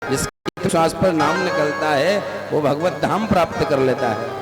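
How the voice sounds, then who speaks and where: High-voiced man preaching in an echoey hall. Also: normal speed. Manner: storytelling, acting out dialogue of figures. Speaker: katha preacher. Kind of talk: devotional katha sermon with sung verses. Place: large outdoor katha venue with loudspeakers. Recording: echoey live hall sound with music.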